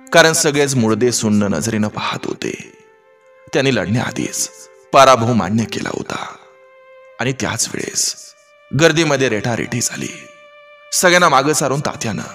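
A man's voice: medium pitch, sharp tone. A man narrating a story aloud with a vivid, dramatic reading. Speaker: story reader. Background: faint background music.

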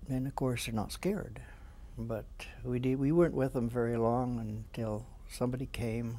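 An elderly Canadian man in his seventies, a veteran remembering his service in an interview in a halting, plain-spoken way. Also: mid-range voice, warm tone, a little hiss or hum. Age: 70s. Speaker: war veteran being interviewed. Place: small indoor room with flags. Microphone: lapel mic.

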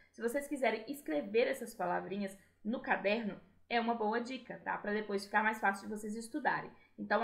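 A woman's voice: fairly high pitch, gravelly, a bit bright. A woman, teaching a recorded school lesson and checking with "né?" and "tá?". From Brazil. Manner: explanatory, frequent "né?" and "tá?" checks. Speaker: Spanish teacher. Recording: echoey room.

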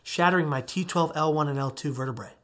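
A man's voice: fairly high pitch, fast talker, fairly bright tone. A man giving an earnest personal testimony talk, moving between near-whispered passages and strong emphatic rises. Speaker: speaker telling his survival story.

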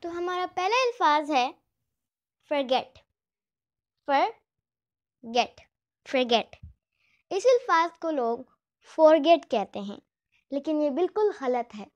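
A woman hosts a vocabulary lesson, slowly and deliberately repeating each English word as she teaches it. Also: sits high, expressive, dull audio. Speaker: channel host teaching English pronunciation. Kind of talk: slow, careful vocabulary lesson.

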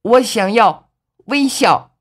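A man voicing a shy, emotionless young woman who calls out slowly and hesitantly. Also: extremely high pitch, husky, pitched above the performer's own voice, exaggerated voice. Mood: straining. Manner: slow, hesitant shouting.

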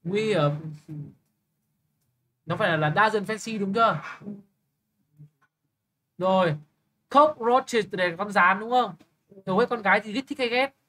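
Brisk, bright-voiced male tutor. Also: high voice. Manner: brisk, keeps checking understanding with quick questions; blunt, teasing address to a student. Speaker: English tutor. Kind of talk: live tutoring lesson.

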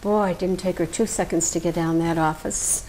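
An elderly woman from Massachusetts, a veteran recalling her service in an oral history interview, telling her stories in a lively way. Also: lowish voice, normal speed, slight background noise, low-quality recording. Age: older. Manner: lively storyteller, acts out quoted voices.

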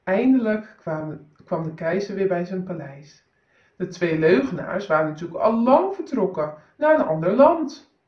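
Woman, teacher, reading aloud to children, lively storytelling, muffled roomy recording. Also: on the low side. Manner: slow, lively, expressive storytelling.

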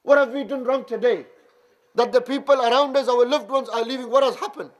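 Brief: preacher doing wailing mourning women, lamenting, high-pitched male voice. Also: fairly quick. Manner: lamenting, questioning.

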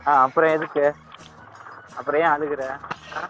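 Gentle coaxing father over music. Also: on the high side, flat delivery, moderate pace, rough recording. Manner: gentle, coaxing, keeps asking for agreement. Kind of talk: phone call comforting a young daughter.

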